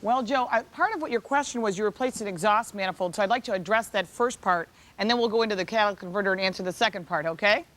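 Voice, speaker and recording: A woman's voice: mid-range voice, fast talker, hardly any pauses, a bit bright. A woman hosting a car call-in show, explaining repairs to a caller. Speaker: car advice show host.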